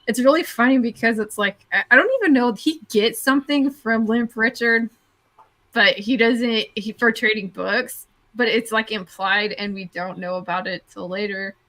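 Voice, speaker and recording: A woman's voice: fairly high pitch, fairly even intonation, moderate pace, sharp tone, no room sound. A woman hosting a casual book discussion livestream, chatty and full of filler words as she steers the talk. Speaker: livestream host.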